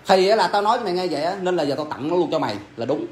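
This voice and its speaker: A man's voice: high-pitched, lively intonation, a little mellow, a little hiss or hum. A man playing a scornful, wounded husband. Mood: heated. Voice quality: rapid, insistent, keeps demanding agreement. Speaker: husband confronting his cheating wife. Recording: echoey room with faint ambience.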